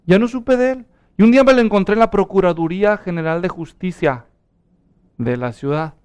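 A man's voice: high voice, brisk, darkish tone, smooth. A man preaching a sermon, earnest and telling a personal story, then leading a prayer. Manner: earnest preaching, acts out quoted dialogue. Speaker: pastor.

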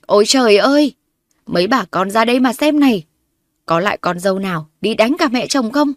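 A woman narrator voicing a spiteful, scheming older mother-in-law who scolds and insults loudly. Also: mid-range voice, lively intonation, moderate pace, no room sound, studio quality, lightly acted. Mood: wailing.

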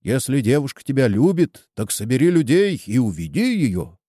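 A man's voice: mid-range voice, very animated, normal speed, warm tone, no echo, studio quality. A man doing a hotheaded young villager. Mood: eager. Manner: impulsive, eager.

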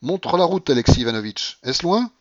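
An imperious old grandmother, as a male reader puts her on, barking orders in a high, swooping voice. She is impatient and commanding, pitched well above the reader's own tone. The recording sounds muffled and lo-fi. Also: lively intonation, brisk, fairly bright tone, dry recording. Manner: commanding, impatient, shrill outbursts.

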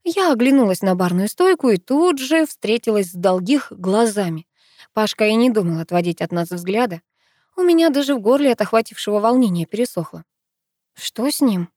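A woman's voice: mid-range voice, expressive, fairly quick, a little mellow, dry recording. Woman narrating an audiobook, dry close sound. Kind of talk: first-person audiobook narration.

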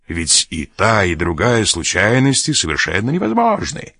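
A man's voice: lowish voice, wildly swooping pitch, normal speed, creaky, pushed and bright, no room sound, clean studio sound, heavily acted. A man reading aloud as a sly sailor who mocks and threatens an officer. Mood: mocking. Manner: mocking, laughs at threats. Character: sly mocking sailor, blackmailing a major.

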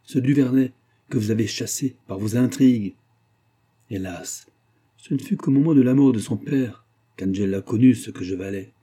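A man reading aloud, voicing a vengeful, triumphant colonel with accusing, declamatory delivery in a husky, dark voice. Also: medium pitch, normal speed, close to an everyday voice.

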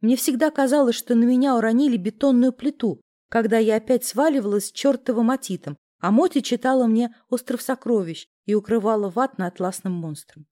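A woman's voice: a little high, fairly quick, few pauses, dark tone. A woman narrating a first-person audiobook in a wry storytelling manner.

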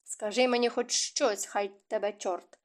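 A woman reading the lines of an angry, proud middle-aged duke who bellows and shouts in an audiobook. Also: fairly high pitch, fairly even intonation, measured pace, lightly acted. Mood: roaring.

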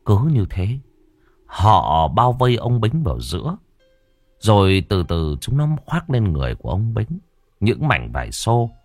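A man narrating a ghost story in a dramatic way, slowing down for tense moments. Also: lowish voice, wildly swooping pitch, a little mellow, no echo. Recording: dry close voice with faint background music.

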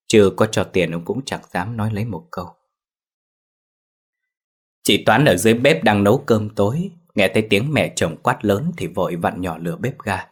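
A man reading a ghost story aloud in steady, dramatic narration. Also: low-pitched, breathy edge.

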